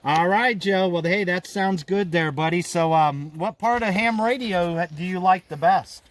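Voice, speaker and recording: An American man in his fifties chats casually as an amateur radio operator out on a mountain trail, friendly, folksy, and talkative. His voice is high and unhurried, with a little hiss or hum in the audio.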